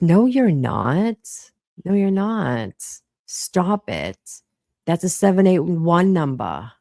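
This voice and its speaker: A woman's voice: very deep voice, gravelly, mellow, no room sound, clean studio sound. A woman in her thirties from Boston with a Boston accent, hosting a casual late-night live chat and talking bluntly with plenty of swearing. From Boston, Massachusetts. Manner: chatty, blunt, swears freely. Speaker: livestream host.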